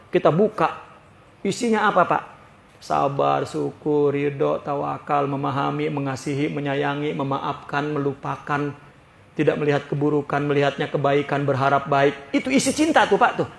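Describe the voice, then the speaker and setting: A man teaching religion in a relaxed, conversational style and often checking that his listeners follow. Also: fairly high pitch, creaky, roomy sound. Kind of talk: kitab study lecture. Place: prayer hall.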